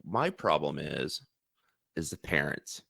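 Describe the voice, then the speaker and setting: A man with a very deep, gravelly voice co-hosts a casual podcast chat. He gets worked up and rants, stumbling over repeated words as he restarts. The recording is dry and close. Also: slow pace, dry recording. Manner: animated, stammering restarts, ranting. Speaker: podcast co-host.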